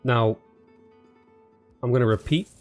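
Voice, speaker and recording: A gaming YouTuber speaks slowly in a mid-range voice, with faint music in the background. He's doing casual let's play commentary on a strategy game, thinking aloud, rambling, and talking to his units. He sounds sniffly and slightly unwell.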